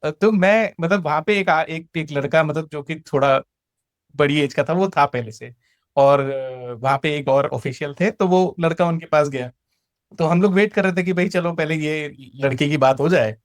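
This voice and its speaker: In relaxed conversational storytelling, an Indian-accented man acts out dialogue from his personal experiences, code-switching between Hindi and English. His voice sits on the high side at a moderate pace. It's a studio-quality recording free of room sound.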